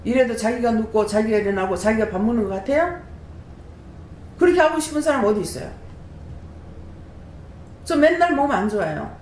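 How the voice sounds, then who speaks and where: A woman, a prayer house director, giving an animated testimony sermon and throwing rhetorical questions to the congregation. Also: fairly quick, long pauses. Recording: echoey room with faint rumble.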